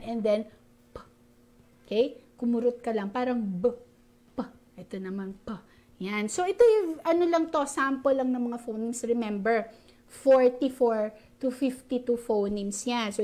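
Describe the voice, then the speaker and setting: A woman's voice: fairly high pitch, mellow. Woman teacher explaining phonics. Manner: demonstrates phoneme sounds, frequent "no?" tag questions; polite, uses "po" often. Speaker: reading teacher. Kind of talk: explanatory talk on teaching reading.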